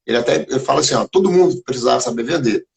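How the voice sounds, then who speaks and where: Gravelly mineiro man telling stories. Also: mid-range voice, very fast. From Minas Gerais, Brazil. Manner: lively anecdotes, acts out remembered dialogue. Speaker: teacher, guest on a live stream. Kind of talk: casual storytelling in a live chat. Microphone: phone or computer on a video live stream.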